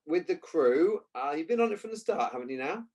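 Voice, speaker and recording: Guy hosting a chat, teasing and jokey, pitch bouncing all over the place. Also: lively intonation, brisk, a little mellow. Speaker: host, agility coach. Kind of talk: casual interview.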